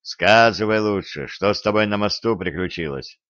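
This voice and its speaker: A man voicing a stern, blunt warrior priest with a gruff, commanding manner. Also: fairly low pitch, normal speed, fairly bright tone, no room sound, lo-fi sound, natural voice. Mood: wry.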